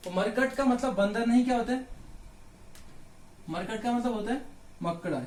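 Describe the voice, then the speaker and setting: A man's voice: very high voice, normal speed, a little mellow. Man teaching Hindi grammar, echoey room. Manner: asks rhetorical questions and answers them. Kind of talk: exam question walkthrough lesson.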